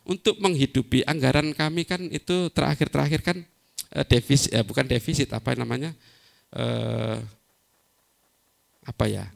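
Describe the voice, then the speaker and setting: A middle-aged pastor preaches in a deeply gravelly, creaky voice. He tells homely stories, chuckles at his own mistakes and speaks at an average pitch for a man. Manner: folksy, storytelling, laughs at himself. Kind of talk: sermon. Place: church.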